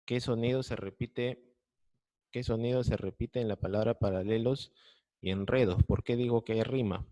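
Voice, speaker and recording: A man's voice: medium pitch, fairly even intonation, moderate pace, mellow, no echo. A man with a Peruvian Spanish accent teaching an online class over a video call, patiently explaining step by step and often checking that students follow.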